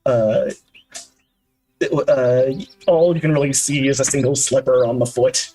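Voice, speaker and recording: Guy running a tabletop game, a bit husky, lots of uhs while he describes stuff. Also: medium pitch, a little slow, dark tone, faint music behind, rough recording. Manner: descriptive, with frequent uhs and restarts. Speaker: game master.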